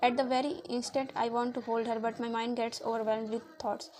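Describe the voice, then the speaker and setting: Lady reading a novel out loud, kinda high voice, steady and even, trips on a word now and then. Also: brisk, a little hiss or hum, rough recording. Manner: steady, even read-aloud delivery with small slips and re-reads. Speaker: audiobook reader.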